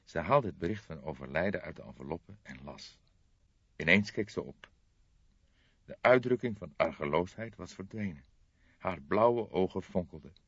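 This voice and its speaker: A man reading a detective audiobook in a measured, steady manner. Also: low-pitched, husky, no echo, dull audio. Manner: measured, steady storytelling with calm dialogue. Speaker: audiobook narrator. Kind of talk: scripted narration.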